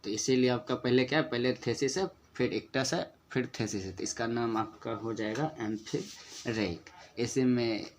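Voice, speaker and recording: There's a faint hiss or hum behind this medium-pitched man as he teaches poetic meter in careful steps. He answers questions he raises himself and draws out example words to show their stress.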